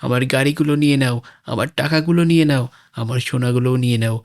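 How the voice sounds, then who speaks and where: A man's voice: mid-range voice, very fast, close to an everyday voice. A man voicing a brave, defiant father in a cartoon who stands up to a gang. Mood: worried. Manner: forceful, pleading when cornered. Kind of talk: animated game-parody voice acting.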